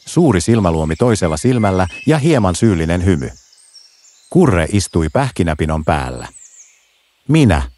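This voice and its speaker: A man narrating a children's bedtime story in a gentle, lilting way. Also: low voice, slight background noise.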